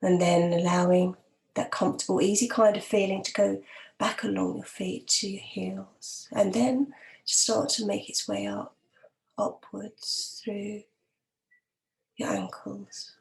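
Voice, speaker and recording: Speaking in a mid-range voice, a hypnotherapist leads a guided relaxation meditation, gentle, calm and measured, with long pauses and a soft, at times breathy tone. The audio is poor.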